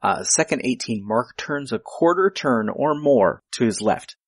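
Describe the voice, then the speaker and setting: A man's voice: mid-range voice, expressive, unhurried, no room sound, studio quality. A man, hosting a podcast and casually picking apart a film with the others. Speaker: podcast host. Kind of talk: casual film commentary chat.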